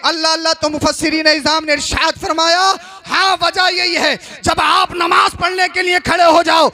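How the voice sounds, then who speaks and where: A man preaching a religious sermon who repeats his phrases and builds to impassioned shouting. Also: very high-pitched, flat delivery, moderate pace. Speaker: Islamic preacher. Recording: live event with crowd behind.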